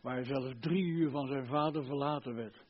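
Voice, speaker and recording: An older man preaching a sermon, fervent, swinging between loud emphasis and hushed earnestness. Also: medium pitch, moderate pace, slightly rough, muffled recording.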